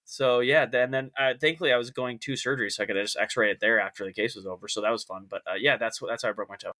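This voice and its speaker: A man's voice: medium pitch, fairly even intonation, quick pace, pushed and bright. A man in his thirties co-hosting a casual podcast, rambling and self-deprecating, often restarting his sentences. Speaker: podcast co-host. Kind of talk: casual chat.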